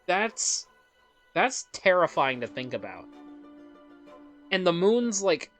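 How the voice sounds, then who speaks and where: A woman with a fairly low, very animated voice hosts a let's play, taking her time as she reads the game's story in a dramatic storyteller manner. She breaks in with her own commentary and interjections while game music plays behind her.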